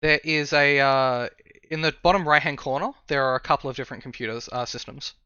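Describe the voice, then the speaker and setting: A man acting as game master, narrating a tabletop role-playing game in a halting way as he improvises descriptions. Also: mid-range voice, steady tone, pushed and bright, clear, resonant tone, no echo, muffled recording.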